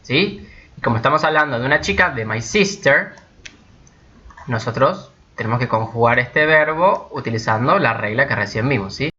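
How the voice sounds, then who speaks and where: A man whose first language is Spanish teaching English grammar step by step, often checking in with his students and slowing down to stress each example sentence. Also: mid-range voice, expressive, pushed and bright. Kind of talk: recorded grammar lesson. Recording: dull lo-fi recording.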